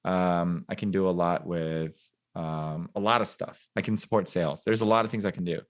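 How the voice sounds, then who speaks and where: Man, 40s, low-pitched voice, podcast guest, reflective casual talk, lots of fillers, self-deprecating laughs. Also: fairly even intonation, moderate pace. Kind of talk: casual interview conversation.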